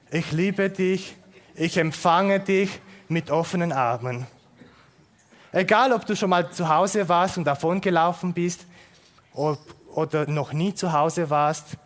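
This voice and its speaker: A man preaching a sermon in an earnest way, often dropping to a soft, hushed voice. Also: on the high side. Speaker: pastor.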